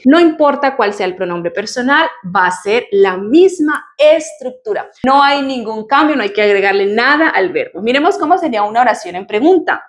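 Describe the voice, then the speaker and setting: A woman whose first language is Spanish, teaching an English lesson and patiently repeating each model word slowly. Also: on the high side. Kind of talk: recorded online lesson, explaining grammar.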